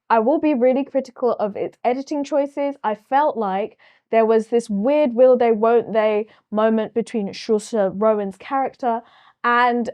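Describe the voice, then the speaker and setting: A woman with a Cockney accent reviews a film solo to camera on her own channel. Her voice is a little high with a darkish tone, and she's frank and opinionated, using occasional fillers.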